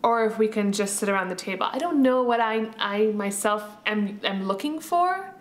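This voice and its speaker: A young adult woman telling a personal story in an interview, animated, acting out what people said. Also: mid-range voice, moderate pace. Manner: animated, acts out quotes, laughs often. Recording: roomy echoey room.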